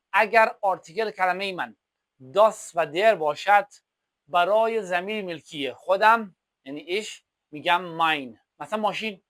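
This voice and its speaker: A man whose first language is Persian teaches German at a fairly high pitch that swings widely. He slows to a crawl on each example phrase and repeats it like a drill. The sound is dry and close, with no room echo. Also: a bit bright. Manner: slow, drawn-out German example phrases between quick explanations. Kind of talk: language lesson explaining examples.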